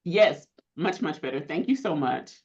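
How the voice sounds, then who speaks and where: A woman's voice: low voice, animated, normal speed, darkish tone, husky. A woman hosting a webinar over a video call, upbeat, with frequent um fillers. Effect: heard over a video call. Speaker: webinar host. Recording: dull, lo-fi call audio.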